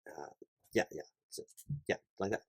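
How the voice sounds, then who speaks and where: Playing a hiring manager for ASMR, a man runs a one-sided job interview in courteous, officious corporate talk that comes out somewhat haltingly. The recording is dry.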